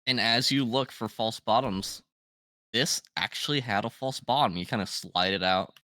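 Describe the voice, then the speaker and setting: A man's voice: mid-range voice, moderate pace, bright, forceful tone, no echo. A man narrating a tabletop role-playing game casually as game master.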